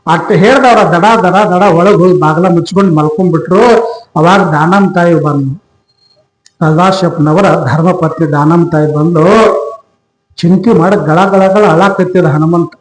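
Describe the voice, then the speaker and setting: A man tells a devotional story with lively rhetorical questions. His voice sits high. The room adds noticeable echo. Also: normal speed. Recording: echoey room.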